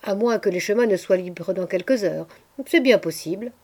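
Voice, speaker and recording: A woman's voice: medium pitch, normal speed, a little mellow, lightly acted. A woman voicing an old farmer calling out urgently. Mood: reassuring. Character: old male farmer urging his family to safety.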